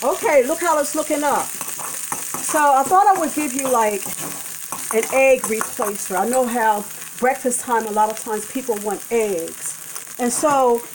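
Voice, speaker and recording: Chatty woman cooking over a sizzling pan. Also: on the high side. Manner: chatty, rambling, self-correcting. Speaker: vlogger cooking a vegan breakfast. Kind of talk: casual cooking demonstration. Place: home kitchen. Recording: kitchen noise and pan sizzle. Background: food sizzling in a pan.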